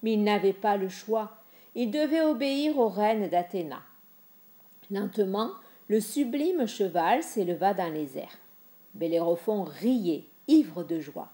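Woman storyteller, gentle, very slow, mellow, lively melody. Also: mid-range voice. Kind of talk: reading a myth for children.

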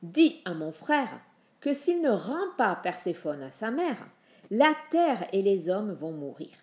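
A woman's voice: mid-range voice, sing-song, slow, mellow, reverberant. A woman voicing a worried, commanding male king of the gods in a storybook.

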